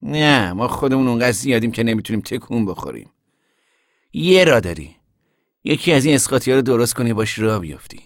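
A man's voice: mid-range voice, sing-song, no echo. Guy doing a blunt impatient young dude, bossy and brusque, dry close sound. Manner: scolding, brusque.

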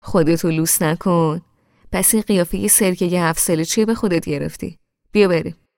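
Woman reader playing a cocky, teasing young man, loud and mocking, low voice. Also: vocal fry, no room sound, studio quality.

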